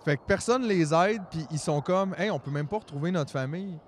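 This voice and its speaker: A man's voice: a little high, brisk, slight background noise. A Québécois man in his forties, a podcast co-host telling a long story in an earnest, rambling way in casual chat. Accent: Québécois French. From Quebec, Canada. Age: 40s.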